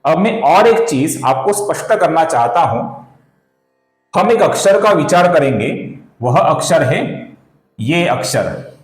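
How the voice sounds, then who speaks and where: Male teacher, Marathi accent, unhurried, repeats syllables, slightly high voice, echoey room. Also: animated, faint music behind. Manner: slow, deliberate, repeats syllables and addresses viewers as friends. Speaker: Sanskrit pronunciation teacher. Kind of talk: recitation lesson.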